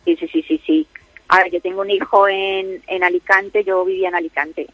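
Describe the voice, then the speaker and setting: This listener caller is a middle-aged woman, Colombian-born but with a Spain Spanish accent, chatting casually and talkatively with lots of fillers and restarts. Her voice sits on the low side, with fairly even intonation and a normal speed, carried over a dull lo-fi phone line with no room sound.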